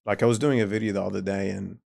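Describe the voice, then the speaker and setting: Low-pitched, gravelly, and a little mellow, this podcast host talks fast with little pitch movement and a non-native accent. In a casual interview chat he asks probing questions and regularly answers with short affirmations, recorded without echo.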